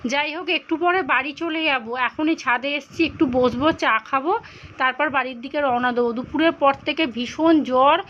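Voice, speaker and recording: A woman, hoarse from a cold, chatting casually and tiredly through a daily vlog. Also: sits high, moderate pace, muffled recording, a little hiss or hum. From India. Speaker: vlogger.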